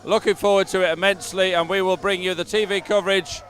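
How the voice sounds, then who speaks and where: A man gives unscripted live commentary on a sports event from outdoors at the waterside of a racing venue, with music playing at the venue. His high voice is flat, fast, and a bit bright.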